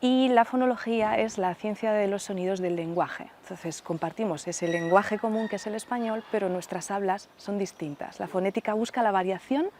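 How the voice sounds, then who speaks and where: A woman professor, a guest on a radio interview, explaining speech sounds in a measured way with examples. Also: medium pitch, darkish tone, slight background noise. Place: radio studio.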